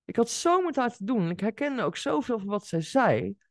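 Expressive woman podcast host, lively pitch. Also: a little fast, no echo, studio quality. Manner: expressive storyteller who speaks straight to the listener. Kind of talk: solo podcast monologue telling a client story.

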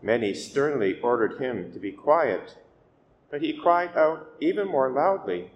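A male priest reading the gospel and preaching a weekday homily at a steady, measured pace, his voice ringing with a long cathedral echo. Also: mid-range voice, muffled recording. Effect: long cathedral-style echo. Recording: echoey church hall with faint hiss.

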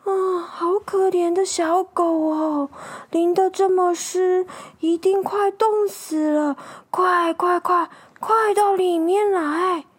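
A woman's voice: very high-pitched, fairly even intonation, slow, pitched above the performer's own voice. A woman voicing a kind old woman fussing over a soaked dog. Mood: worried.

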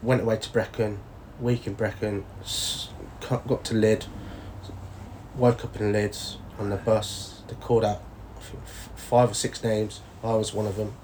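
In a casual interview, a former soldier tells stories as a guest, often laughing and acting out the voices of the people in them. His voice is fairly low and darkish, delivered flatly at a normal speed, with a little background noise.

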